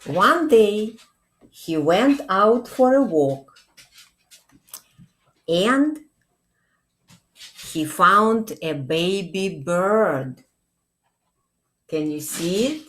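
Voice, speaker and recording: A woman who hosts children's storytime as a librarian reads aloud to young kids in a small plain-walled room. Her mid-range voice is very slow, deliberate, and expressive, and she frequently stops to ask check-in questions.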